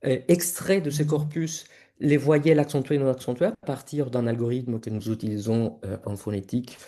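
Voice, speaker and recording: A man presents research at an academic conference and explains each slide step by step for the audience. His voice is mellow and warm, with an ordinary middle pitch. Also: fairly even intonation, normal speed.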